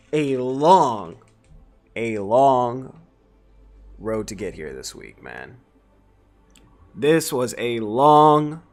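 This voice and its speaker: A man chatting casually on a livestream, greeting viewers by name and muttering to himself as he sets things up at home. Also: medium pitch.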